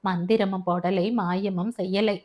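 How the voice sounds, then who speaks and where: A woman reading an audio novel, voicing a soft-hearted, hospitable older aunt with a gentle, pleading manner. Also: medium pitch, steady tone, measured pace, close to an everyday voice.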